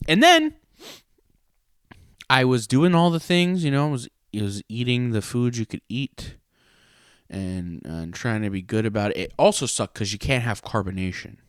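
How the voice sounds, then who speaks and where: A man's voice: medium pitch, sing-song, normal speed, clear, resonant tone, no room sound, clean studio sound. A man telling a personal story in a casual, comedic podcast style, profane and exaggerating. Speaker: podcast host and pro wrestler.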